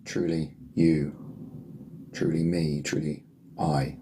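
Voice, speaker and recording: A man leading a guided healing meditation in a soothing, unhurried murmur, leaving long pauses between phrases, with a gravelly, husky voice. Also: very deep voice, flat delivery, warm tone, a little hiss or hum.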